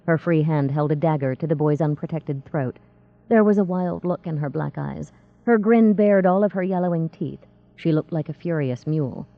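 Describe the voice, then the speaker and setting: A woman narrating a fantasy novel in a steady, measured reading. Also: deep voice, vocal fry. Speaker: audiobook narrator. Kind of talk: scripted narration. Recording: tinny phone-like dry sound.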